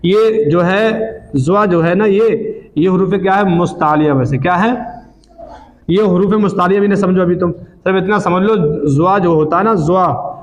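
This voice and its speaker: Man, high voice, tinged teacher, long reverb on the recording. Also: moderate pace, lo-fi sound. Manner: patient, asks questions and answers them himself. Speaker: Quran reading teacher. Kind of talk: recitation lesson.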